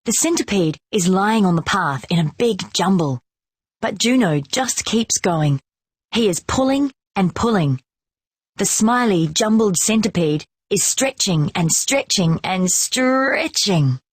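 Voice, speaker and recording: Slow, husky woman reading a storybook. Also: mid-range voice, no room sound, clean studio sound. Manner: slow, expressive, clearly paced delivery. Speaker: storybook reader.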